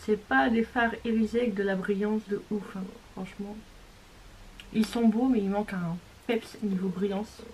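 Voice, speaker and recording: A woman beauty vlogger with a mid-range, steady, darkish voice talks at a moderate pace through a makeup tutorial. She's casual and chatty, describing each step, correcting herself, and sometimes dropping to a near-whisper. The audio is poor, with a little hiss or hum.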